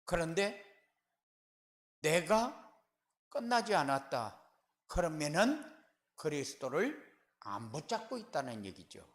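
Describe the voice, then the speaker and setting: A man preaches from the pulpit of a church sanctuary, speaking slowly and deliberately with long pauses between phrases. He poses rhetorical questions and answers them with firm, repeated refrains, pushing louder on the key words. His voice sits a touch high, and the room rings with echo. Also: big pitch swings. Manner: emphatic swells in loudness on key words. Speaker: pastor. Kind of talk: sermon.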